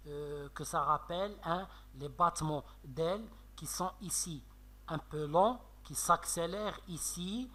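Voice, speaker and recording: Man, literature teacher, Moroccan French accent, slow and deliberate, bright tone, lots of "euh". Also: a little high. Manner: slow, explanatory, frequent "euh" and "d'accord?". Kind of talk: classroom lecture on poetry analysis.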